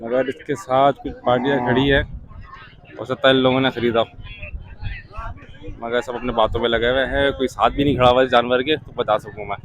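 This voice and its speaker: A Pakistani man with an average-pitched voice hosts a casual market vlog outdoors. He addresses viewers like brothers, puts short questions to traders and repeats what they say. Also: fairly even intonation, brisk, long pauses, lo-fi sound. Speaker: vlogger and host touring a cattle market. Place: outdoor livestock market on a windy day.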